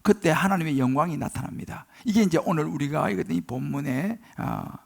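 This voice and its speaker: Gravelly high-voiced male pastor preaching. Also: animated, a little fast. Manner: storytelling, acts out the biblical quotes with rising intensity; addresses the congregation directly with questions. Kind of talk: sermon.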